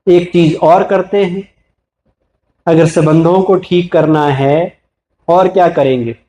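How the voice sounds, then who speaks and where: Slow, gentle high-voiced male teacher. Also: steady tone. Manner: asks the audience questions and answers them. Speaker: spiritual speaker. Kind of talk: spiritual talk to an audience.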